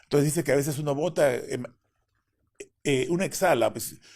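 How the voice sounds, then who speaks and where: A man's voice: a little high, moderate pace, darkish tone. Man telling a vivid personal story. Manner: vivid, acts out the other voices. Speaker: interview guest.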